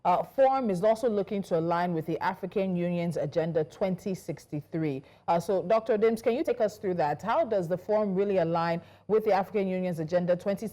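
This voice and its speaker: A woman interviewing a guest on a TV news program, asking measured, formal questions. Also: fairly low pitch, dark tone, low-quality recording.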